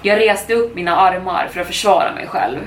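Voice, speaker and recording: A woman telling a first-person horror story as a podcast storyteller, in a measured, suspenseful reading. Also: on the low side. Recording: echoey room, distant mic, faint noise.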